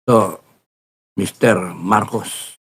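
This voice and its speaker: A middle-aged man in a ranting political commentary, swearing often and acting out soldiers' shouts. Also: on the low side, very slow, creaky, slightly rough. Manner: swears often, laughs at his own jokes, acts out soldiers' shouts.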